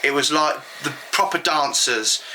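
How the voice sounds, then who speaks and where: A man's voice: on the high side, measured pace, bright, forceful tone, a little hiss or hum, rough recording. A British man co-hosting a vlog, chatting casually with frequent ums. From United Kingdom. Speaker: vlog co-host. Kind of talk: casual chat.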